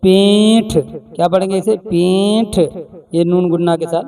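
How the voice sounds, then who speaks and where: A man teaching a beginner reading lesson, slowly sounding out each word, repeating it and quizzing the listener. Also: high-pitched, fairly even intonation, warm tone, recorded from a distance.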